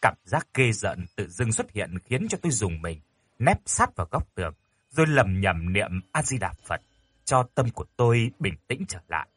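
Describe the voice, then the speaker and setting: Male storyteller, dramatic first-person ghost story, husky. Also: fairly low pitch, normal speed, dry recording. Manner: expressive, dramatic.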